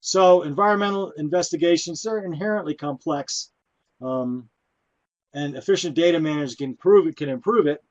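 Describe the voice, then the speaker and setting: Male presenter, slightly higher voice, loose and chatty, lots of ums. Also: normal speed, highs cut off. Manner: relaxed, conversational, many fillers. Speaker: conference presenter. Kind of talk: conference talk.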